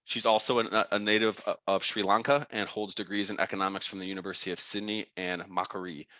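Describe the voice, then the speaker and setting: Deep-voiced man hosting a webinar. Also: fairly even intonation, fast talker, pushed and bright, no room sound, muffled recording. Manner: earnest, with many fillers and restarts. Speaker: webinar host, foundation director. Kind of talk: formal webinar introduction. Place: home or office, video call.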